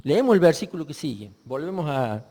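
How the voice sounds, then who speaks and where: In a sing-song, reflective sermon, a man whose voice is fairly high yet dark and mellow pauses and restarts sentences while working through a passage. A long reverb trails after his words.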